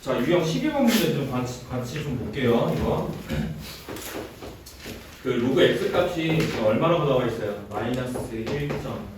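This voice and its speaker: A male math teacher lectures in a lively, rising-and-falling voice, stopping every few lines to ask students if they follow. He sounds distant from the mic, and the classroom echo is heavy. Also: mid-range voice, normal speed. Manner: checks in constantly with short questions, mixes casual and polite speech. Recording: roomy, distant classroom recording with faint noise.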